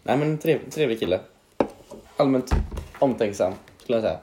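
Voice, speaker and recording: A man's voice: mid-range voice, lively intonation, reverberant, background noise. A young man chatting casually as a podcast co-host, hesitant and thinking aloud as he talks. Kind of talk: casual chat.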